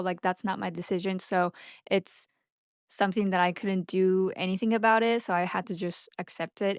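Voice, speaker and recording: Recorded at studio quality with no room sound, this woman's fairly low voice is clear and resonant. She is a vlogger and social media marketing agency owner whose first language is Japanese, chatting casually and candidly to camera without a script and occasionally tripping over words.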